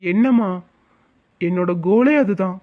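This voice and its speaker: A performer voicing a steady, kind young man who is a police officer in a cartoon. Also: mid-range voice, a little slow, lightly acted. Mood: calm. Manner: reassuring, calm. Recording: tinny phone-like sound.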